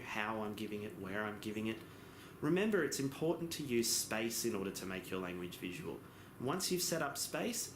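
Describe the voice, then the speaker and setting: A man's voice: on the low side, fairly bright tone. Man giving a live interpreter voice-over. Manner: speaks in first person for the signer, in short paced phrases. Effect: live interpreter voice-over for a signing teacher. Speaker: sign language interpreter. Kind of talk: interpreted teaching explanation. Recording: echoey room with background noise.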